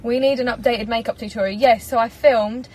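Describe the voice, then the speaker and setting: Her voice is a little high and slightly mellow, her pace a little fast and her intonation fairly even. An English singer in her twenties, she reads comments and chats in a bubbly, giggly way to a live-stream audience from a parked car, using a propped-up phone. A little hiss or hum sits on poor audio.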